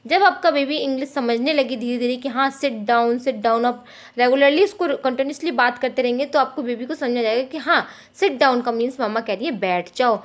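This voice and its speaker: A woman giving a friendly, explanatory home tutorial for parents, acting out little phrases said to a child. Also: high voice. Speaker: parenting teacher. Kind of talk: informal Hindi tutorial.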